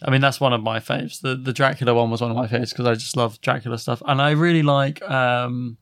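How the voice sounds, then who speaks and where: A man's voice: medium pitch, fairly even intonation, fairly quick, fairly bright tone, no echo, clean studio sound. A man hosting a podcast, chatting in an easygoing, reassuring way with a guest. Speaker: podcast host. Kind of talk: casual podcast chat.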